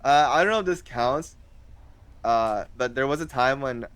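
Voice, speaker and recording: A man's voice: mid-range voice, normal speed, a bit bright, clear, resonant tone. A young man in his twenties, chatting casually as an interview guest, hesitant and full of fillers. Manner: hesitant, rambling with many fillers.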